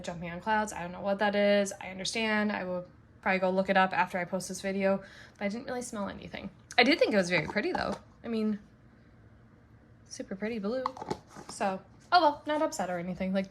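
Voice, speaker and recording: A woman who makes and sells wax melts, reviewing scents in a chatty, rambling way full of fillers and bubbly excitement. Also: medium pitch, quick pace. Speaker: wax melt maker and shop owner.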